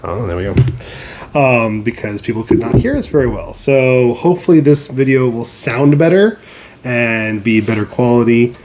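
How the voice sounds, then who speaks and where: A man's voice: mid-range voice, lively intonation, moderate pace, darkish tone. Sick man co-hosting, easygoing. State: sick with a cold. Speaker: co-host, teacher. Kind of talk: casual chat. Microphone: mic plugged into a phone. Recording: faint background noise, phone mic.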